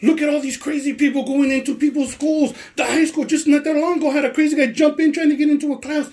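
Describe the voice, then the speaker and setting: A middle-aged father with a deep, strained voice after surgery, heatedly complaining to school staff. He questions in rapid bursts, then gives long, insistent explanations. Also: steady tone, a little mellow. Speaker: parent. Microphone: handheld phone recording.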